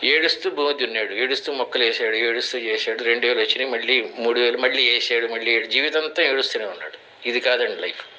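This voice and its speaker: Older male life coach, very bright tense voice, preachy parable-teller, faint noise behind. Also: mid-range voice, fast talker, rough recording. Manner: preachy, teaching through parables. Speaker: guest speaker, life coach. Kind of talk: motivational interview talk.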